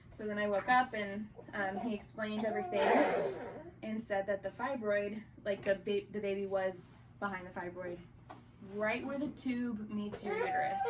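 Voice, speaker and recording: A young woman speaking candidly as a podcast guest, telling a personal story in a halting, casual way. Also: mid-range voice. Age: young adult. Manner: candid, halting, with many likes and restarts. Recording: distant mic with clear background noise.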